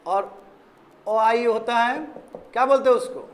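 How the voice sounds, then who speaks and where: A man's voice: very high voice, steady tone, measured pace. A man with an Indian English accent teaching a grammar lesson in a classroom, quizzing students and repeating their answers.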